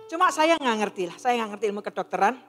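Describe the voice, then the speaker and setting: Soft background music accompanies a middle-aged woman whose slightly high, animated voice moves fast. She delivers a sincere personal testimony to listeners in a large hall, dramatizing the dialogue she recounts, with the long reverb of the space audible throughout.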